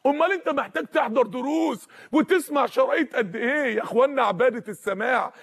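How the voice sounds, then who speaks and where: A male preacher with an Egyptian Arabic accent delivering a sermon, impassioned, shouting and breaking into tears. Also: extremely high pitch.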